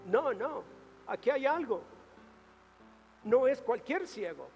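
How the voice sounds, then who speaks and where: High-voiced man preaching in a reverberant hall. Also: big pitch swings, slow pace, gravelly, highs cut off. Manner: preaching with dramatic rises and hushed drops. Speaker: pastor. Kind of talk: sermon. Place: church hall. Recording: reverberant church hall with music.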